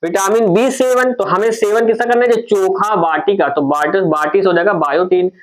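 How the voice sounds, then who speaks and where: A man's voice: sits high, moderate pace, poor audio. A man teaching memory tricks, repeating points and asking and answering his own questions. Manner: addresses viewers as friends. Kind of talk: explaining memory tricks for a general studies lesson.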